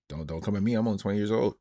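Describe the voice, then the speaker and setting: A man in his twenties giving blunt, emphatic, slang-heavy reaction commentary as a streamer, often trailing off quieter at the ends of phrases. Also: on the low side, fast. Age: 20s.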